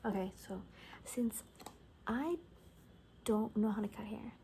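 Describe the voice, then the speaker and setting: Here the apocalypse-survivor ASMR roleplay moves slowly, voiced by a woman in a mid-range register. Her character is cocky and gossipy, and she talks in a soft, breathy, casual ramble that often drops to a whisper. A little background noise can be heard.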